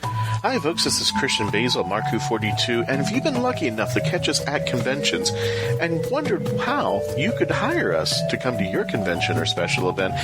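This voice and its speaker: A man co-hosting a podcast, reading an upbeat promo. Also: medium pitch. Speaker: podcast co-host. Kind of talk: read promo.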